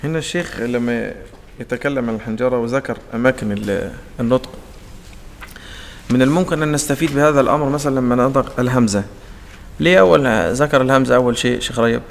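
A man's voice: mid-range voice, vocal fry, big-room sound, a little hiss or hum. A man with an Egyptian accent teaching Quran recitation, asking his own questions and acting out the sounds. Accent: Egyptian Arabic. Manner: asks his own questions and answers them, demonstrates sounds. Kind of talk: explanatory lesson in colloquial speech.

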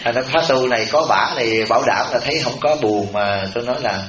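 A Buddhist abbot with a Southern Vietnamese accent and a quick, medium-pitched voice gives a humorous dharma talk to a retreat audience. He tells stories chattily and gets animated when quoting others. The recording, made in a temple hall, is roomy, dull and noisy.

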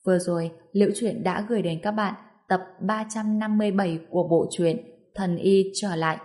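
A woman narrating an audiobook as storyteller, reading in an even, steady way. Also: medium pitch, a little fast.

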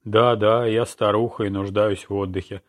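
Audiobook: male narrator voicing an older woman, cold and indifferent, low-pitched. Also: flat delivery, normal speed, natural voice. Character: cold, eerily detached old rich woman.

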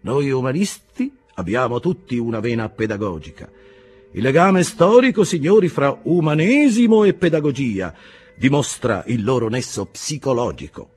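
A man's voice: mid-range voice, big pitch swings, normal speed, a little mellow, slightly rough, voice pushed up. A man voicing an eloquent, sarcastic Italian humanist who speaks in a declamatory, mocking way. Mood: mocking grandiloquence.

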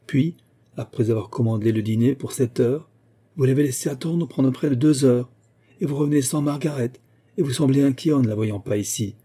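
A man's voice: mid-range voice, brisk, warm tone, slightly rough, natural voice. A man reading an audiobook voices an older widowed mother who fretfully questions her son.

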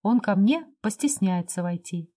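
A woman reading the part of a decisive neighbour who speaks in a sharp, commanding way. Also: mid-range voice, lively intonation, measured pace. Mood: firm.

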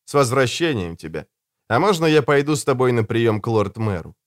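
A male audiobook narrator voicing a brave, anxious teenage girl who speaks softly and pleadingly. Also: medium pitch, animated, a little fast, no room sound, clean studio sound, close to an everyday voice. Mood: apologetic. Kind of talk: audiobook character voice.

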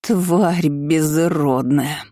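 A woman voicing a harsh middle-aged aunt who scolds and shouts. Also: fairly low pitch, moderate pace, no room sound, clean studio sound, close to an everyday voice. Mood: furious.

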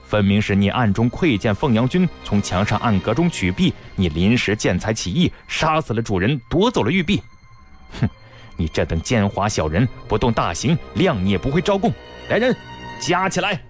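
A man's voice: sits low, animated, normal speed, darkish tone, faint music behind, pitched below the performer's own voice. A man voicing a stern, powerful lord who speaks in a cold, commanding, sneering way.

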